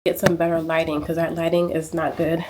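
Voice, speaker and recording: Woman in her thirties, casual vlog chat, emphatic, repeats herself, lowish voice, small handheld camera mic. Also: little pitch movement, brisk, mellow, a little hiss or hum. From United States. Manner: chatty, emphatic, repeats phrases for effect. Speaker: lifestyle vlogger.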